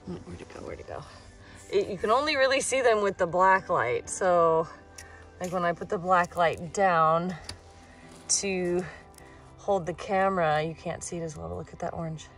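This rock-hunting vlogger, an American woman in her thirties, keeps things easygoing and colloquial while filming a casual vlog outdoors on a pebbly beach. Her lowish, fairly bright voice moves at a normal speed over faint background music.

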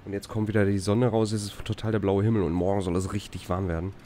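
A man's voice: fairly low pitch, level tone, quick pace, dark tone, slight background noise. A man giving casual, colloquial let's play commentary, muttering reactions and reading game text aloud.

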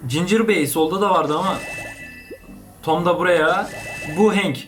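A young man giving casual, slangy gameplay commentary, excitable and chatting to the characters on screen. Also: high voice, unhurried, soft background music. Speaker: gaming YouTuber.

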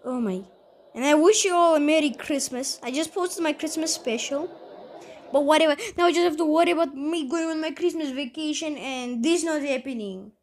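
A woman's voice: high-pitched, moderate pace. A woman giving casual, rambling gameplay commentary, exasperated and talking straight to her viewers. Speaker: gaming channel host.

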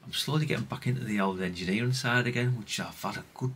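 Quick and slightly bright in the mid range, this middle-aged British man rambles through an unscripted, hands-on radio repair demonstration as a hobbyist. He's self-deprecating, mildly sweary and casual, and a little hiss or hum sits under the audio.

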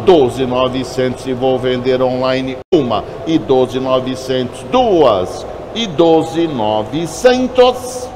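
A man's voice: mid-range voice, animated, takes it slowly, noisy background. A Brazilian man working as an auctioneer, chanting bids in short, repeated number phrases. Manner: repetitive bid calling, clipped number phrases.

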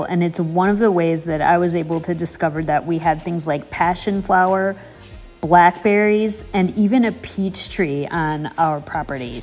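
Out on the covered back porch of her house, a woman in her thirties vlogs to her phone at arm's length in a low, slightly mellow voice. A homesteader, she's chatty and enthusiastic and repeats words to stress them in her casual talk to camera.

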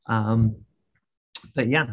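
Guy on a video call, thoughtful, lots of um and kind of, even middle pitch. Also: extremely slow, slightly rough. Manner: thoughtful, many fillers and restarts. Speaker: guest speaker, media artist. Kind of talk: casual talk and Q&A.

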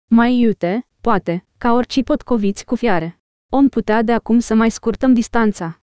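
A grim, determined ranger leader speaks steadily and with command, as a woman reader gives him voice. The voice is mellow and smooth, and it sits fairly high. The audiobook recording is close and dry. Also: no echo, natural voice. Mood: earnest.

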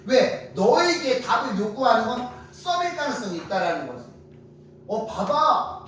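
A man teaching English grammar to a class, drilling students with quick questions and lively explanations. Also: extremely high pitch. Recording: echoey classroom from far off, faint noise.

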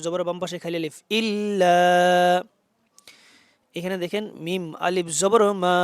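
A man teaching Quran reading, spelling out Arabic letters in Bengali and chanting the verses in a raised, drawn-out voice. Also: high voice, dry recording, studio quality. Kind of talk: tajweed lesson, spelling out letters then reciting.

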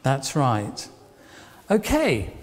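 Speaking very slowly with a medium pitch that swoops wildly, an older church leader runs an interactive talk at an all-age service. He asks the congregation questions and approvingly echoes what they say. Faint background noise sits under the hall's echo.

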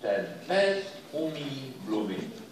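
A man voicing an eager, excitable father, in an echoey room from a distant mic. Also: mid-range voice, a little hiss or hum, voice pushed up, natural voice.

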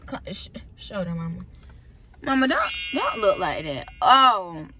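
A young woman vlogging from inside a car, teasing her mother and chewing loudly between words. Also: mid-range voice, big pitch swings, unhurried. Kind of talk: casual vlog chat. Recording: noisy car recording.

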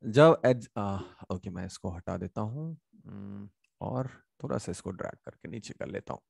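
Indian english accent guy teaching grammar in hindi, gravelly voice, lots of umms, dry close recording. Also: lowish voice, lively intonation, normal speed, no echo. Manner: explains in Hindi with English examples, asks and answers his own questions; many hesitation sounds and restarts. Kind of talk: online grammar lesson.

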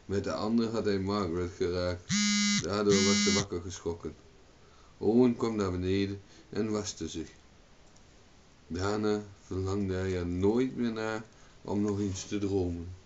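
A man reading a folk tale aloud as a storyteller, lively and acting out the characters' lines. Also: sits low, a little slow, a little hiss or hum. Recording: dull lo-fi recording.

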